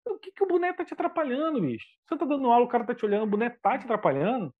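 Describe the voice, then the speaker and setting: A fast talker playing an indignant student in a cap. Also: mid-range voice, narrow, tinny audio, voice pushed up, close to an everyday voice. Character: defiant student in a cap, complaining.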